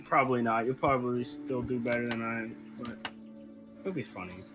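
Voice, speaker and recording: A man's voice: mid-range voice, fairly even intonation, normal speed. A young man in casual chat with friends while playing a game. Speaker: player in group gaming session. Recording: music behind the voice. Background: music.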